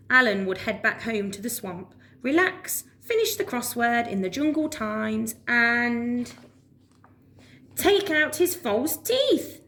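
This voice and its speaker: With a fairly high voice, a woman reads a children's story aloud, narrating expressively like a storyteller.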